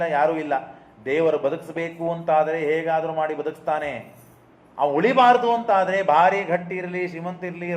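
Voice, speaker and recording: A man's voice: a little high, reverberant. A man giving a religious discourse. He tells stories and asks and answers his own rhetorical questions. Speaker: preacher giving a scripture discourse.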